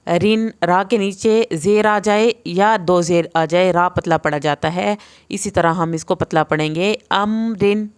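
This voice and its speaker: A woman teaching Quran recitation in an online lesson, patiently spelling out letter sounds and slowing down to model each one. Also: on the low side, clear, resonant tone.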